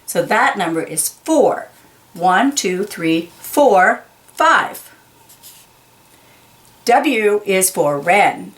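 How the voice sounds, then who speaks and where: A woman with a medium-pitched, sing-song voice reads a children's picture book aloud. She speaks slowly and deliberately, enunciating the key words carefully and explaining them in simple terms for young listeners.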